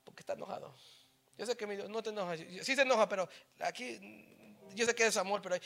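A middle-aged man preaching a sermon, mixing in English phrases and swinging from soft asides to loud exhortation. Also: high-pitched, fast talker. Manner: mixes English phrases into Spanish.

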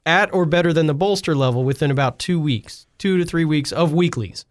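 A man co-hosting a casual gaming podcast, calmly steering the talk with questions while his co-host rants. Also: on the high side, brisk. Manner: calm, steering questions, amused.

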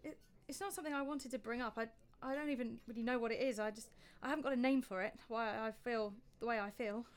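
A woman's voice: a little high, steady tone, lightly acted. A woman playing a nervous young wife. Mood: anxious, confessional. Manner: nervous, halting, stammering. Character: anxious young wife, newly married, uneasy. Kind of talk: audio drama acting.

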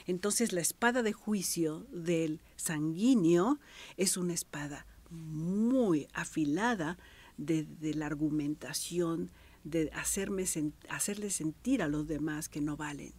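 A woman in middle age with a Mexican accent leads a workshop on the radio, her voice sitting a little on the low side. She is expressive, dropping into soft whispers and then lifting into bright exclamations. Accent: Mexican Spanish. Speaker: thanatologist giving a workshop.

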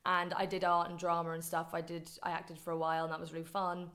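Here a twenty-something campaigner from Liverpool talks as a podcast guest in a Scouse accent, her lowish voice fast, monotone, and fairly bright. Her interview chat is casual and packed with "like" fillers.

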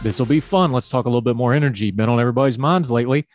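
A man's voice: medium pitch, racing, loud music behind the voice. A man with an Appalachian hillbilly accent hosting a conversational interview in a folksy, informal manner. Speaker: talk show host.

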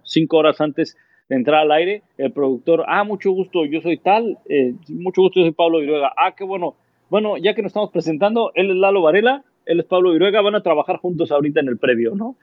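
Man, sports commentator guest, lively storyteller, slightly high voice, dull dry sound. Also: dry recording. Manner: animated anecdote-telling, acts out quotes. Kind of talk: casual interview storytelling.

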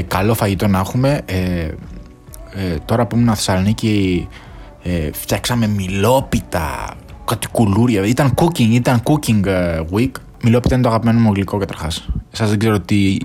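A young man hosting his own podcast, talking casually and swearing freely, with English phrases mixed in. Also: fairly low pitch. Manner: slangy and animated, mixing in English phrases and swearing. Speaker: podcast host. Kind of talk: casual solo chat.

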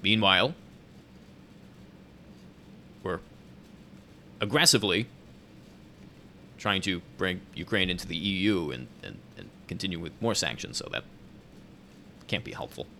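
Bright-voiced man joking through headlines. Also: low-pitched, expressive, unhurried, vocal fry, long pauses, a little hiss or hum. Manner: wry, joking asides while reading headlines. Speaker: co-host reading news. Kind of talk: casual news commentary chat.

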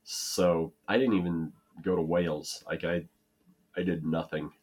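A man's voice: sits low, fairly even intonation, measured pace, a little mellow, slightly rough. A man from the United States co-hosting a casual podcast chat, rambling and self-deprecating with frequent restarts. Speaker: podcast co-host.

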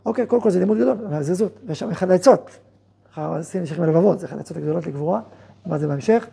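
A man, a rabbi, teaching a Torah lesson to students, playing out both sides of imagined conversations with quick rhetorical questions and then explaining in a softer tone. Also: a little high, creaky, husky. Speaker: rabbi and yeshiva head.

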